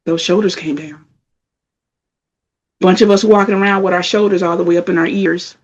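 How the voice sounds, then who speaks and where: A woman's voice: on the low side, fairly even intonation, normal speed, dull audio. A middle-aged woman giving a motivational self-care talk, emphatic and conversational, repeating her points. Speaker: spiritual talk speaker.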